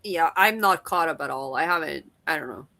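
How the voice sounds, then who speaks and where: A woman's voice: low voice, animated, a little fast, creaky, pushed and bright. A woman co-hosting a podcast in loose, casual conversation. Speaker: podcast co-host. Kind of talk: casual chat.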